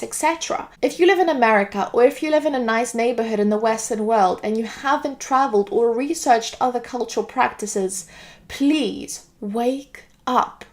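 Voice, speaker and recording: A woman's voice: fairly high pitch, a little mellow. A woman from Greece delivering an earnest, lecturing monologue. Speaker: political video commentator. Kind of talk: scripted monologue to camera.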